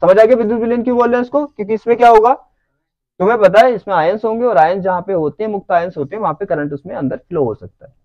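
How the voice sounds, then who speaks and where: Male teacher, fairly high voice, dry close sound, keeps checking the class follows. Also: very fast, dry recording, dull audio. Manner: checks understanding with repeated questions. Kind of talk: classroom lecture.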